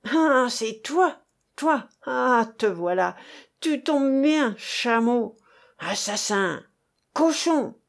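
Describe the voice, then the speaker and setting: A stout older village woman screeches insults and then chokes out her words in broken sobs, as a woman reading a story puts her on. Her voice sits high and swoops wildly. She drags her outbursts out slowly. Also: lively intonation, a bit bright, full character voice. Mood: shrieking fury. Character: stout older woman, furious and tearful breeder.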